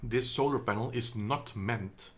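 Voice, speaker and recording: Speaking a little slowly in a mid-range, slightly bright voice, a Dutch man casually reviews a product. He chats hesitantly, with lots of ums and self-corrections, recorded indoors using a phone camera.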